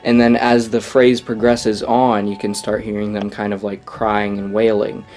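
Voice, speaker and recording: A man's voice: on the low side, little pitch movement, moderate pace, darkish tone, soft background music. A young man casually reviewing a Halloween prop in his bedroom, enthusiastic and rambling, correcting himself as he goes.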